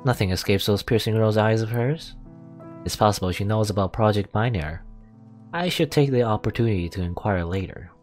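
A man's voice: lowish voice, fairly quick, a little mellow. A man reading a visual novel aloud as a let's play host, adding asides and now and then correcting his stumbles. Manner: stumbles over words and corrects himself. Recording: music behind the voice.

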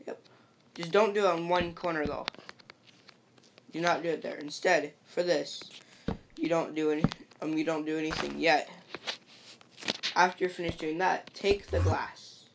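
A woman's voice: low voice, steady tone, normal speed, vocal fry, pauses often. A woman giving patient, step-by-step game-building instructions. She keeps checking in with "see?" and "perfect". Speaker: game tutorial maker. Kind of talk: step-by-step game tutorial voice-over. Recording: noisy home recording with clicks.

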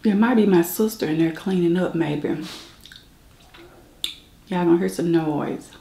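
A woman's voice: fairly low pitch, a little slow, creaky, mellow, roomy sound, a little hiss or hum. Woman talking with her mouth partly full. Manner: casual, chatty, calling out to others in the house. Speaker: mukbang vlogger. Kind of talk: casual chat while eating. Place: indoors at home. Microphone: camera mic.

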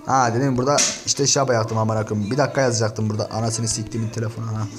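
A man's voice: on the low side, level tone, racing, over music. A man ranting and cursing nonstop as he comments on an online insult battle, talking straight to his viewers. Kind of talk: profane screen-share commentary to viewers.

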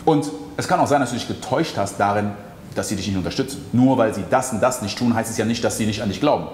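A man's voice: fairly low pitch, fast talker, a little mellow, a little hiss or hum. A man giving a motivational coaching monologue, talking straight to the listener with emphatic rhetorical questions. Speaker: mindset coach. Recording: echoey hall with faint ambience.

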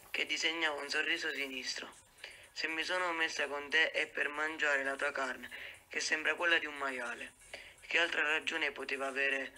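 A man reading a horror story aloud as a student reader, steady with occasional stumbles. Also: fairly high pitch, low-quality recording.

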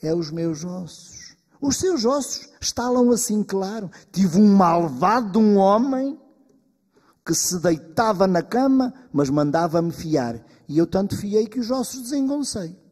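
A woman's voice: medium pitch, lively intonation, measured pace, dark tone, slightly rough, voice pushed up. Man doing a crafty bent old village widow. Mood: scolding. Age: older. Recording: long reverb of a stage hall.

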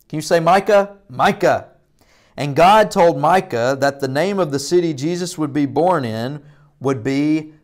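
A man in his thirties giving a children's Bible lesson in a broad, singsong presenter style with emphatic repetition and call and response. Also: a little high. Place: indoor children's church classroom. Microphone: lapel mic.

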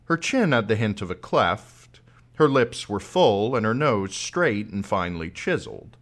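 A man reading a novel aloud as audiobook narration, slow and expressive. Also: fairly low pitch. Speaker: audiobook reader.

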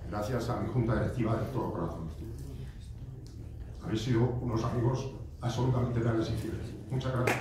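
Speaking a little fast with long pauses, a middle-aged man in a mid-range, fairly even voice delivers a heartfelt farewell at a podium, repeating himself and adding asides. His podium mic was recorded by a distant camera in a big stone-walled banquet hall, leaving the audio echoey and noisy.

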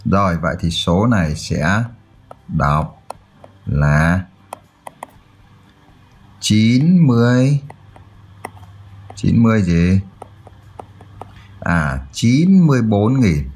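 A man's voice: low voice, very animated, extremely slow, pauses often, darkish tone, husky. A man tutoring children through a math exercise, explaining step by step and often checking that they follow. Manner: checks in often with "được chưa?".

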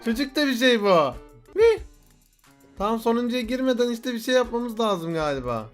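A young man doing casual let's-play commentary, excitable, laughing often and shouting in frustration. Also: extremely high pitch, moderate pace. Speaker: gaming youtuber. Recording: faint game music behind.

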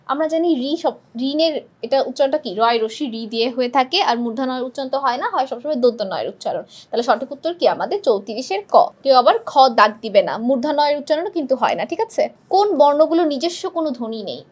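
Brief: young woman tutor, high voice, brisk exam-prep lesson, keeps asking and answering. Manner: quizzing students, answering her own questions. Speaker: teacher.

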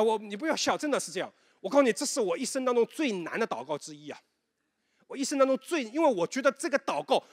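A male pastor preaching a sermon in a conversational storytelling way, asking his congregation rhetorical questions and slipping English terms into his talk. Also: sits high. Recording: long hall reverb.

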